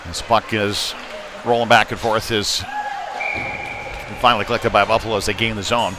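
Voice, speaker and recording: A man calls a live hockey game in a folksy, chatty manner, dropping casual asides and lifting his energy with the action. His voice is lowish and his delivery flat at a moderate pace, with noisy rink ambience all around.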